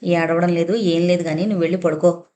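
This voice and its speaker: A woman reading the lines of an unmarried woman in her twenties, patient and sad, who speaks gently. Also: lowish voice, fairly even intonation, quick pace, close to an everyday voice.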